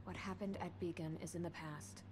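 An actress playing a cold, controlled female agent in a video game, with a flat, brainwashed-sounding manner. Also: on the low side, brisk, noisy background, natural voice. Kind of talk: video game cutscene acting.

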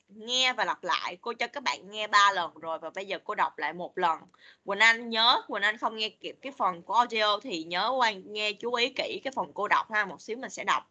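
A woman English teacher leading an online class for children, patiently repeating words slowly for them to copy. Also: a little high, bright, forceful tone. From Vietnam. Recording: video call meeting recording.

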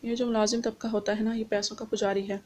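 A woman's voice: a little high, flat delivery, quick pace, a little mellow, natural voice. A woman reading the lines of a mocking, menacing young man who taunts with sneers. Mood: taunting.

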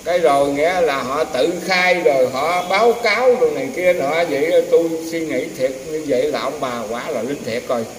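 A man's voice: a little high, fairly quick, few pauses. An older man, a temple herbal healer, casually telling rambling, folksy stories and acting out the dialogue of others. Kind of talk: casual storytelling. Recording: echoey, distant, roomy with faint noise.

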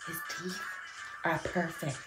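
A young Irish woman at home reacts to a video, chatting playfully as a YouTuber and slipping in whispered asides. Her deep, slightly bright voice is slow and fairly even, with soft background music.

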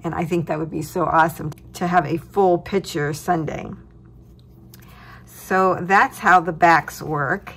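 A woman with a somewhat low voice talks slowly through a paper-craft project. She sounds cheerful and chuckles at her own remarks as she shows pieces at her tabletop desk. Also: fairly bright tone. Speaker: craft tutorial host. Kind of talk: relaxed crafting walkthrough.

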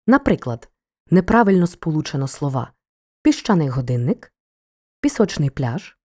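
A woman narrating a scripted school lesson for children, explaining each point in a clear, measured way. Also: low voice, mellow. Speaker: teacher.

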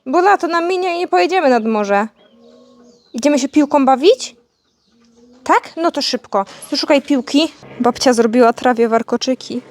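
A woman's voice: high voice, lively intonation, normal speed. A young woman vlogging outdoors on a farmyard, chatting casually to her animals and playfully scolding them.

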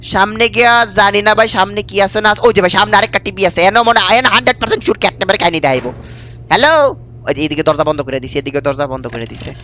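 A man's voice: sits high, expressive, fast talker, pushed and bright, faint music behind. A young man giving chatty let's-play commentary with a sore throat from a cold, repeating himself and calling viewers brother. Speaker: gameplay streamer.

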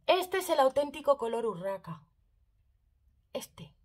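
A woman's voice: sits high, sing-song, a little slow. A woman chatting casually through a makeup tutorial, talking straight to her viewers and using lots of diminutives. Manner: chatty, addresses viewers directly, fond of diminutives. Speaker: makeup vlogger.

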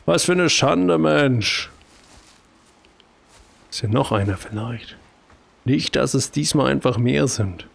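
A man's voice: mid-range voice, lively intonation, slow pace, gravelly, pauses often. A man with a German accent giving casual commentary as he plays a video game, chatty and talking to himself with jokey exclamations. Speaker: let's play host.

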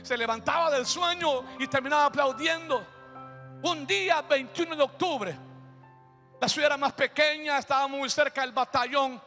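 A male pastor telling a story during a sermon, preaching with shouted bursts and acted sound effects. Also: very high voice, normal speed. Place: church. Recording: echoey church hall with music.

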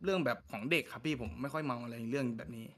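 A man's voice: mid-range voice, very fast, a bit bright. A man in his twenties answering interview questions with cocky, joking banter. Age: 20s. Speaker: applicant being interviewed. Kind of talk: cheeky casual banter.

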